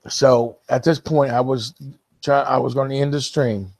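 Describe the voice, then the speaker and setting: A man's voice: medium pitch, fairly even intonation, moderate pace, a little mellow, no room sound. A man hosting a casual live stream, talking straight to the viewers who watch the replay and reading chat comments aloud to them. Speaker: livestream host.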